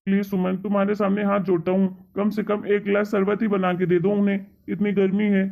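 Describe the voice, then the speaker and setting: Cartoon role: a man voicing a pleading, reproachful husband with a gravelly voice, heard through tinny phone-like sound. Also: high-pitched, monotone, a little fast. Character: patient husband pleading for his mother. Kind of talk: cartoon story voice acting.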